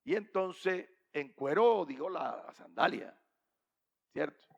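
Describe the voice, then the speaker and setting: A man's voice: on the high side, animated, takes it slowly, creaky, muffled recording. A man, a pastor, telling a story in a sermon in a conversational way, often checking with his listeners. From Colombia. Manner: conversational, many checks like ¿cierto?. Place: church.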